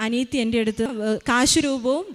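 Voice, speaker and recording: A woman in her thirties giving a personal faith testimony at a shrine, retelling events urgently with quick restarts. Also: fairly high pitch, steady tone. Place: shrine or church gathering.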